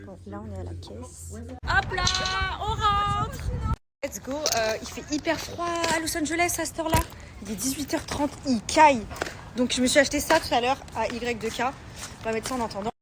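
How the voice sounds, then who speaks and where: A woman vlogging casually, chatty and excitable, talking to her viewers. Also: high voice, brisk, very noisy. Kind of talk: casual travel vlog chat.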